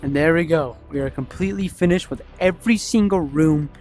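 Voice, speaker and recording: Young man, slightly high voice, rambling casual vlog talk, headset mic. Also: a little fast, a little mellow, faint music behind. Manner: chatty, rambling, self-correcting. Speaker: VR game level builder. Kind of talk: casual gaming vlog narration.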